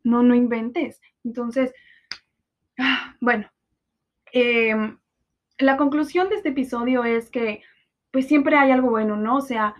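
A Mexican woman in her twenties hosts a podcast, delivering a casual, confessional monologue that's blunt, sarcastic and full of swearing. Her voice is on the high side, and she speaks slowly with long pauses in a dull lo-fi recording.

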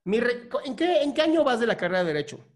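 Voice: mid-range voice, big pitch swings, quick pace. Blunt, direct advice-show host. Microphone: video call.

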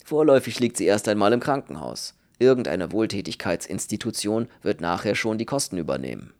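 A man voicing a brisk, kindly middle-aged doctor in a spoken audiobook, in a gruff, hearty manner. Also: fairly low pitch, big pitch swings, a little mellow. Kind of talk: audiobook reading.

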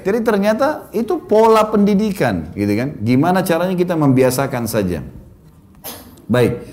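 This preacher speaks in a mid-range voice, telling his congregation warm stories about his kids. He frequently laughs softly at his own anecdotes.

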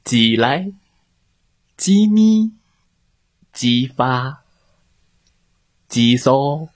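Slow, animated male bedtime storyteller. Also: on the high side, dry recording. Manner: animated, drawn-out, child-directed. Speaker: children's storyteller.

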